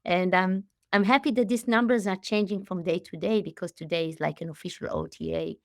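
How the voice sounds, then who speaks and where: A woman in her late forties, originally from Israel, answering interview questions as a company head, speaking with frequent pauses, fillers and restarts. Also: fairly low pitch, steady tone, vocal fry, no room sound, studio quality. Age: 40s. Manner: warm, halting, many fillers and restarts. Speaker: CEO and guest. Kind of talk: conversational interview.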